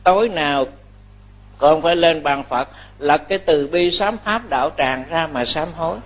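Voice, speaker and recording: A man's voice, a Buddhist monk speaking, pitched fairly high for a man. He preaches in a lively storytelling way, often checking with his listeners that they agree. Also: moderate pace. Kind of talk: Dharma talk sermon.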